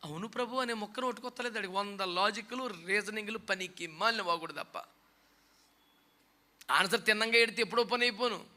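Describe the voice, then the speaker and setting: A male pastor preaching a sermon in a scolding, sarcastic way, moving between loud exhortation and low mocking asides. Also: fairly quick.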